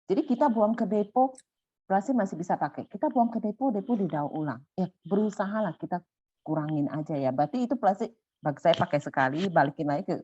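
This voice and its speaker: A middle-aged woman telling a personal story in a casual, animated way, going high when excited and soft when calm. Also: breathy edge, no echo. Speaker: volunteer sharing a personal story. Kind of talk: casual storytelling in a sharing session. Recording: muffled dry sound.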